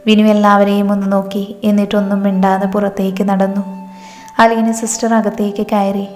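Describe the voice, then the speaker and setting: A woman storyteller reads a scripted story in a calm, even, rather flat voice. Her narration has a long, hall-like reverb. Soft music runs underneath. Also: medium pitch, brisk.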